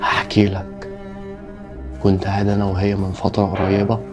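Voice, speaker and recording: A man with an Egyptian accent playing a wronged husband who speaks in a measured, firm way in a melodramatic short film. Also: low-pitched, completely flat delivery, natural voice. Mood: recounting. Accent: Egyptian Arabic. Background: background music.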